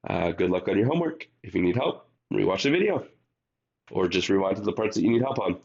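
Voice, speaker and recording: A man's voice: deep voice, sing-song, fast talker, darkish tone, slightly rough, highs cut off. A man teaching a recorded math lesson while under the weather, explaining step by step and speaking directly to his students.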